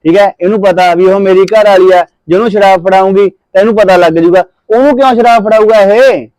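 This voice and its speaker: Man acting as a young husband, insistent, high voice, quick delivery, dry close sound. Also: a little mellow, no room sound, lightly acted, rough recording. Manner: insistent, persuasive. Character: young husband defending his wife to his mother. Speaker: son. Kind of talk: Punjabi short film acting.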